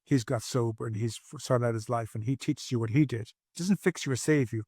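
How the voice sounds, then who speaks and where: A man's voice: mid-range voice, brisk, mellow, husky, no echo, clean studio sound. A man in his sixties, a podcast guest at home, telling his personal story in an earnest, reflective way with frequent restarts. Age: 60s.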